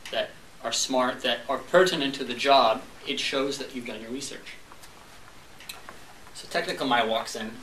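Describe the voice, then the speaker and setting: A funny story told to a club crowd comes from a young French speaker from Montreal, who acts out the characters' dialogue. His mid-range voice carries a bright, forceful tone. It was captured from a distance in an echoey room, with faint background noise.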